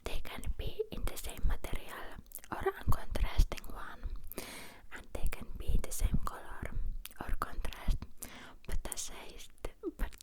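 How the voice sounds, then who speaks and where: A woman reads a book aloud as ASMR, whispering close to the listener's ear in a halting way and stumbling over words now and then. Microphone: close ear-to-ear ASMR microphone.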